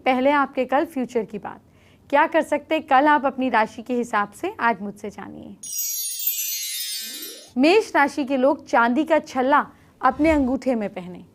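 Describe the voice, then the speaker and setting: Woman astrology host, high-ish voice, quick instructive tone, faint music behind. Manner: brisk, instructive, addresses viewers directly. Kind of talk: daily horoscope and remedies.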